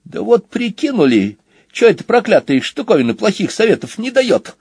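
A man doing a squeaky, cheeky young otter. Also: sing-song, normal speed, darkish tone, breathy edge, no room sound, clean studio sound, exaggerated voice. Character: young male otter twin, cheeky and folksy.

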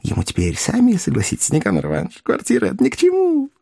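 A man voicing a sly, fidgety male interpreter in a high, breathy, wheedling voice. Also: wildly swooping pitch, a little slow, no room sound, full character voice.

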